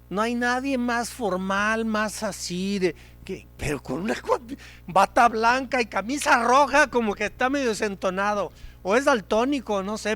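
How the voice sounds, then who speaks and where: His voice sitting high, a middle-aged male pastor with a Mexican Spanish accent delivers a storytelling sermon in a dry recording. He alternates between booming, animated peaks and quiet, hushed passages.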